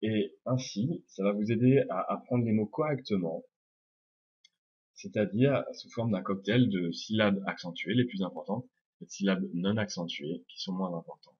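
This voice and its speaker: Low husky man teaching pronunciation. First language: French. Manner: explains step by step, repeats sounds slowly. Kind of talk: video lesson answering viewer questions. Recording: dull lo-fi sound.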